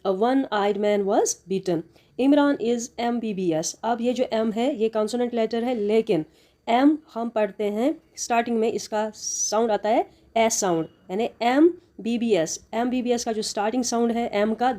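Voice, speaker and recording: A woman teaching English grammar, explaining in Hindi and reading each example sentence slowly and deliberately. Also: fairly high pitch, mellow.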